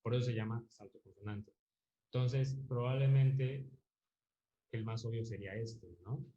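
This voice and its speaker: A man's voice: mid-range voice, steady tone, a little slow, warm tone. A man teaching a music theory class online, explaining patiently and checking in with frequent tag questions while thinking aloud with fillers. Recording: dull, roomy lo-fi sound.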